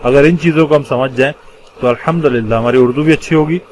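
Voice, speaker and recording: A man teaching a religious lesson in Urdu, explaining Arabic word patterns. He goes patiently, pausing often and stressing key words. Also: fairly high pitch, slight background noise, rough recording. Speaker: Quran teacher.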